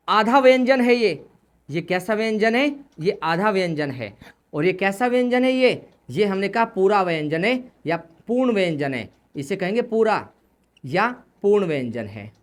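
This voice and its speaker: A woman teaching Hindi grammar, repeating key points and asking questions that she answers herself. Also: medium pitch. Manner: repetitive, asks questions then answers them. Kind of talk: classroom lesson explanation.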